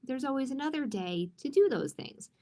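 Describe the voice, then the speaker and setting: Her voice is high, warm, and full of lively intonation as she leads a children's storytime. The librarian reads picture books expressively, moving slowly and deliberately while talking right to the little ones.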